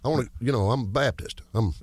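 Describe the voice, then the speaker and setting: A man's voice: mid-range voice, fast, darkish tone, roomy sound. A man from Georgia with a Southern accent, a comedian telling self-mocking hillbilly jokes and laughing through his punchlines. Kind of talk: stand-up comedy and radio interview.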